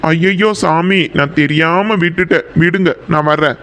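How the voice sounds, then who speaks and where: A man's voice: fairly high pitch, fairly even intonation, normal speed, fairly bright tone, close to an everyday voice. A man voicing a flustered village man in a cartoon who keeps apologizing and pleading, speaking with a Coimbatore Tamil accent. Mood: apologetic. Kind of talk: cartoon voice acting.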